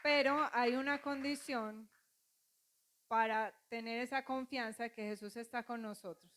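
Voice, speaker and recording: A woman's voice: a little high, steady tone, unhurried, a bit bright. A woman pastor preaching a sermon, calling on the congregation to repeat after her and acting out quoted voices.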